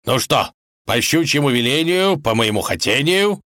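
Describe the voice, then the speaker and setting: A man's voice: medium pitch, sing-song, moderate pace, a bit bright, no echo, clean studio sound. A man reading a fairy tale aloud and voicing a fussy, bossy old tsar. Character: fussy older male tsar, bossy but kindly.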